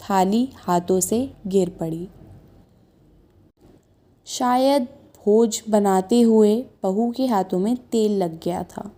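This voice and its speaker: A woman narrating a moral family story in a measured storytelling manner. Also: medium pitch, warm tone.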